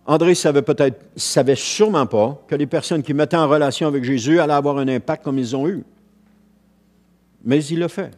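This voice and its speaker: Quebec French pastor preaching a sermon. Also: male voice, on the high side, a little mellow. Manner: earnest preaching with repeated phrases and restarts.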